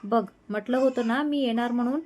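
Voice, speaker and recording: A man's voice: very high-pitched, fairly quick, a little mellow. A woman voicing a playful, daring young man who teases and coaxes his fiancée in a spoken love story. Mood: teasing. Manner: teasing, coaxing.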